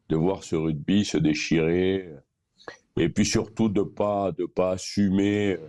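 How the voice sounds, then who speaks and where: A man speaking as a guest, a rugby club president, giving earnest, deliberate opinions with some hesitations. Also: low voice, warm tone. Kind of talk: phone-in radio interview.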